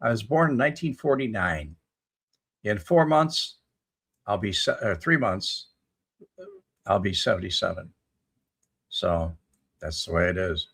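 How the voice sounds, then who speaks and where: A man in his seventies with a low, gravelly, husky voice chats casually on a livestream. He reads out viewer comments and answers them in a rambling, folksy way. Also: lively intonation, measured pace, long pauses, a bit bright. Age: 70s. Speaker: livestream host answering chat. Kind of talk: casual live chat reading viewer comments.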